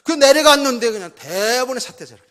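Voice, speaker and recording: A man's voice: very high-pitched, expressive, fast, a bit bright. A middle-aged male pastor preaching a conversational sermon, acting out quoted voices. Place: church sanctuary. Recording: long hall reverb.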